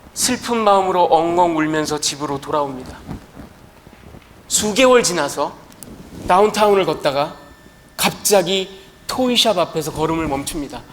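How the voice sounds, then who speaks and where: A male pastor preaching a sermon in a church, telling a story in an animated, emphatic way. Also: high voice, a little hiss or hum.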